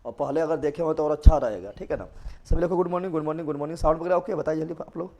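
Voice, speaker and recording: Quizzing biology teacher, high voice. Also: male voice, racing, warm tone. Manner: repetitive call-and-response questioning. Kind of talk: live online class.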